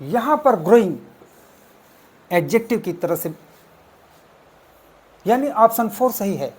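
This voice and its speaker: Coaching teacher, exam answer walkthrough, slow pace, mid pitch, repeats key words. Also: big pitch swings, darkish tone, husky. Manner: deliberate, repeats and spells out words step by step. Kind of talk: explaining exam answers, mixing English terms.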